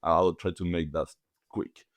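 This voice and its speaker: A man's voice: low voice, fairly even intonation, measured pace, dry recording. A man from Argentina with an Argentine Spanish accent, a guest in a casual podcast interview, who sometimes searches for words in English.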